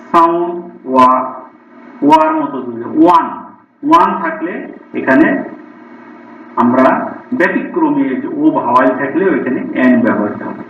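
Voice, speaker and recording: Man, Bengali accent, teacher reading out grammar word lists, voice from across a roomy space, muffled lo-fi sound. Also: medium pitch. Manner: reads word lists, slows right down for English sentences. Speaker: school English teacher. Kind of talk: classroom grammar lesson. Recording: distant, roomy, dull lo-fi recording.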